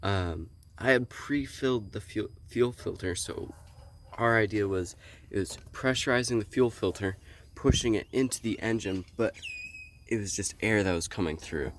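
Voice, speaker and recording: A young man explaining his truck repair in a casual vlog, halting and full of ums, filming outdoors on a phone. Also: on the low side, slight background noise. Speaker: homesteading vlogger. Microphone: phone held while filming.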